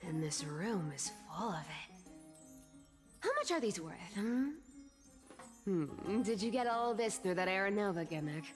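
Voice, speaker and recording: A woman's voice: mid-range voice, lively intonation, measured pace, long pauses, big-room sound, faint music behind, lightly acted. A woman voicing a sly, teasing young female thief with a cat-like, playful manner in a video game.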